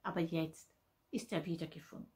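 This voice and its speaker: A woman voicing a forgiving old father in a children's Bible story, exclaiming his joy and coaxing gently. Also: low voice, level tone, a little fast, breathy edge, pitched below the performer's own voice. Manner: exclaiming, warm and pleading.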